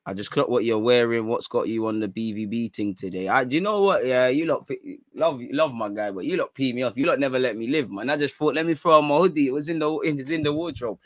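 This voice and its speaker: A young man, hosting a football talk stream in a rambling, slangy, excitable way. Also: medium pitch, fast, few pauses, dry recording. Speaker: football channel host. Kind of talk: casual livestream chat.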